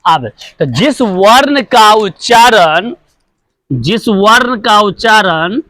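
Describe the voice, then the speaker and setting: A man with a high, expressive, bright and forceful voice takes his time in a dry recording. As a teacher running a grammar lesson, he repeats points, asks and answers his own questions, and drills each sound separately.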